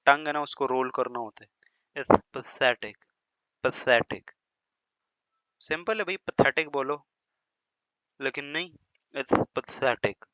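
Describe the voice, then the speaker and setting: A man gives a chatty, classroom-style biology lecture in a Hindi-English mix, teasing students and often checking that they follow. His medium-pitched voice is bright, forceful and smooth, and he slows down to over-stress words when demonstrating pronunciation. The recording is dry and lo-fi, slightly dull, with no room sound.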